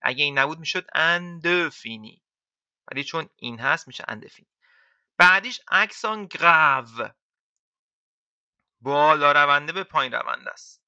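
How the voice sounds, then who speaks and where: A man teaching French to beginners in a casual, chatty way, repeating words slowly for learners. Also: on the high side, animated, bright, forceful tone, dry recording. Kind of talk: casual lesson explaining to beginners. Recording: dull lo-fi dry sound.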